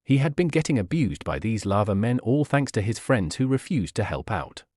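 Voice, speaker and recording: A man's voice: fairly low pitch, moderate pace, dry recording, studio quality. Man narrating a fantasy audiobook. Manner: steady storytelling reading. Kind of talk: scripted narration.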